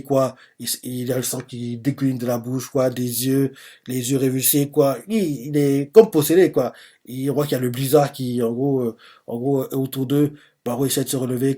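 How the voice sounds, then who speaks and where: A man's voice: medium pitch, warm tone. Rambling male manga reaction streamer. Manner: rambling, heavy use of fillers. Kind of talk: live reading and reaction to a manga chapter.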